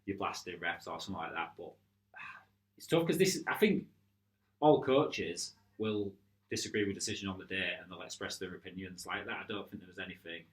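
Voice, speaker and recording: A man's voice: low voice, a little fast. A man co-hosting a casual futsal podcast, agreeing often and recounting match incidents. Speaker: futsal club podcast co-host.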